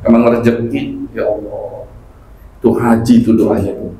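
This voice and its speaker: A middle-aged man giving a humorous religious study talk in a mosque hall, telling stories with lively quoted voices. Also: medium pitch, a little slow, a little hiss or hum. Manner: storytelling with animated quoted voices and laughter. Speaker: kiai preacher. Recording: echoey hall, faint ambience.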